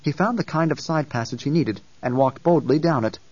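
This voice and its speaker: A man narrating an audiobook in a steady, measured reading. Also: on the high side, no room sound. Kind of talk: scripted narration. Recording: dull distant dry recording.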